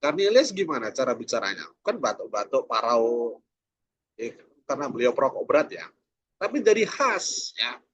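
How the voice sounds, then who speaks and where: A man's voice: medium pitch, big pitch swings, moderate pace, fairly bright tone, breathy edge, lo-fi sound. A man teaching a preacher training class online, asking rhetorical questions and tagging his sentences with "ya". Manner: rhetorical questions, frequent "ya" tags.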